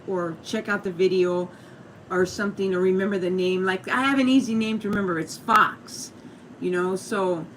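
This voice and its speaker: A woman with a Mexican American accent and a mid-range, fairly bright voice rambles through a casual YouTube livestream, full of fillers, restarts, and hellos to her viewers. The livestream audio is noisy.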